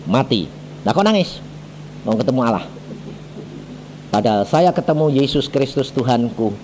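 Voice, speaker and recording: A man preaching a sermon as an evangelist, telling stories in an animated way, acting out the voices of the people in them and putting questions to the congregation. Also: medium pitch, slight background noise. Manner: animated storytelling, acts out quoted voices, asks the congregation questions.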